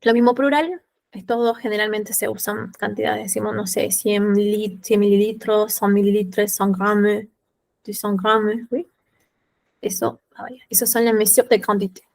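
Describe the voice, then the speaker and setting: A woman's voice: mid-range voice, little pitch movement, creaky. Woman teacher, patient French lesson. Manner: slow and patient, repeating each French word and then its Spanish meaning. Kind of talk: online class, explaining vocabulary.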